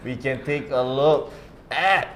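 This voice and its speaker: A man's voice: mid-range voice, slow pace, fairly bright tone, slight background noise. A man giving casual esports commentary in colloquial English sprinkled with "lah". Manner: colloquial, uses 'lah' particles. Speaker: esports tournament caster.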